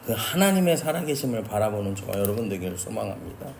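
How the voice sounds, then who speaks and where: A man's voice: on the low side, big pitch swings, quick pace, vocal fry, a little mellow, slight background noise. A man preaching a sermon as pastor, earnest and often addressing the congregation directly. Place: church sanctuary.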